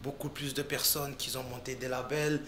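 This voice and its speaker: Halting man rapper, echoey room. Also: medium pitch, flat delivery, noisy background. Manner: loose, halting speech with frequent restarts and fillers. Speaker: rapper interviewed about his music. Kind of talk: casual interview talk.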